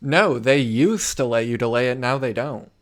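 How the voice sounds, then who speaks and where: Animated young man telling stories. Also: mid-range voice, normal speed. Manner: animated storyteller, swears a lot, acts out quoted voices loudly. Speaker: podcast host. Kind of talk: casual chat.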